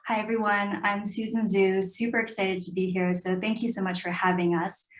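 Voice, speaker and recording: A woman born in China and raised in New York, a company strategy lead, telling a lively story in a panel interview. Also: mid-range voice, moderate pace. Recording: echoey room.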